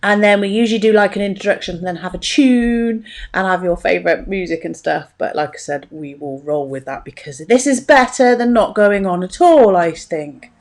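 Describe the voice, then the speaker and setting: Female podcast host, mid-pitched, informal and rambling, chatty interview delivery. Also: normal speed, few pauses.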